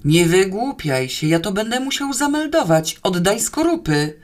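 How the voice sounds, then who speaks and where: A woman's voice: mid-range voice, big pitch swings, normal speed, voice pushed up, lightly acted. A woman voicing a flustered middle-aged male guard who hollers down a shaft in exasperation. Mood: exasperated.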